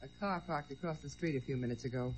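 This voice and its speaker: A woman's voice: extremely low pitch, fast, husky, faint music behind. An actress playing a bitter, scornful woman fed up with her man in a 1940s radio drama, sarcastic and cutting. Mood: wary. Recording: dull lo-fi old radio recording.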